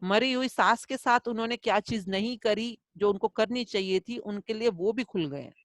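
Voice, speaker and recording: This middle-aged gratitude teacher answers a student during a live online class held over video, blending Hindi with English and bringing in lively acted quotes from everyday life. Her pitch is medium, her pace normal, and no room sound can be heard.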